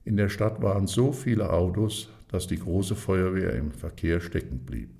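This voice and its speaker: A man reading a children's storybook aloud in a calm, measured way, adding playful sound effects. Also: deep voice.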